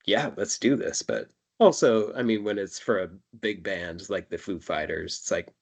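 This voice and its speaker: A man's voice: low-pitched, normal speed, gravelly. A man co-hosting a casual album review chat, rambling with fillers. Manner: chatty, lots of fillers and laughs. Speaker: podcast co-host.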